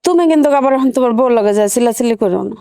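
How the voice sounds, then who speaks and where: An actress playing a cautious, worried elder daughter-in-law who speaks hesitantly. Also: female voice, fairly high pitch, rapid-fire, dark tone, dry recording, close to an everyday voice. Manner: hesitant, pleading. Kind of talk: TV drama acting.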